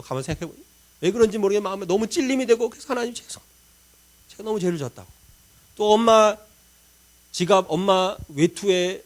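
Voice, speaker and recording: A pastor with a high voice for a man preaches from the pulpit. He tells a personal story with plenty of feeling and acts out his own prayers. He swings from loud, urgent pleading down to near-whispered murmurs. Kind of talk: sermon.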